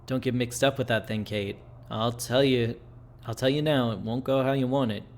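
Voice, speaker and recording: A man voicing a dying, devout old friend in a game, blunt, folksy and halting. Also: medium pitch, steady tone, darkish tone, slight background noise, close to an everyday voice. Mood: grave warning.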